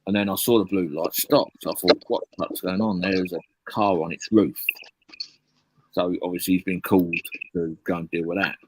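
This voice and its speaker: A man with a notably low, deep voice. He chats casually on a live stream, telling a long story in a blunt, profanity-heavy way. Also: fairly even intonation, moderate pace, noisy background. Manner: heavy swearing, blunt rambling anecdote.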